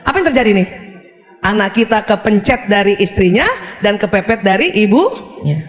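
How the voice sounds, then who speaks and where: A middle-aged woman giving a lively religious talk on parenting, acting out parent and child dialogues. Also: medium pitch, moderate pace, faint music behind. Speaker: Islamic parenting speaker. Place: lecture hall. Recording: echoey hall with long reverb.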